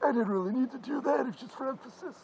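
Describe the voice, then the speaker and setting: A man voicing a weary, older masked slasher who rants in frantic, crude, yelling bursts in a comedy parody sketch. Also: very high-pitched, fast talker, slight background noise, low-quality recording. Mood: exasperated.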